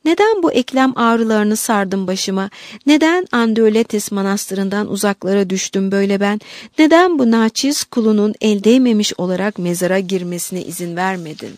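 A woman's voice: mid-range voice, moderate pace, darkish tone, no echo, clean studio sound, natural voice. A woman voicing an elderly abbess who is frightened and fussy, wailing in panic. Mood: lamenting.

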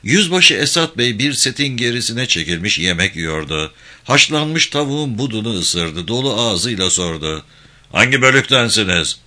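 A male storyteller reading a war tale aloud at a measured pace. His voice sits low yet has a bright, forward edge. The delivery stays even and steady. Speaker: narrator.

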